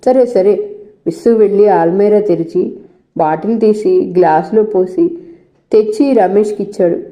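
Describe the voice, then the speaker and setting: A woman storyteller reading a novel aloud in steady, scripted narration. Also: lowish voice, highs cut off.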